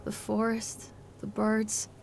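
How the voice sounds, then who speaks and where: An actress voicing a weary mother who remembers reading a fairy tale to her son in hard times, speaking softly and sadly, with music behind her. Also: mid-range voice, completely flat delivery, takes it slowly, vocal fry. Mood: sorrowful. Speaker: game narrator character. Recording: game audio with music behind.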